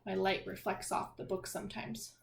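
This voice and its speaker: In an echoey room, a woman teaching elementary school leads young children through a read-aloud math lesson, encouraging and questioning in a singsong way. Her mid-range voice is gravelly, flat in delivery, and moves at a normal speed.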